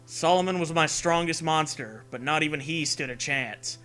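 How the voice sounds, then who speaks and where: A man narrates a creepypasta in dramatic, scripted fashion, reading the scary story earnestly. His voice is a little high and sharp in tone, at a moderate pace, with faint music in the background.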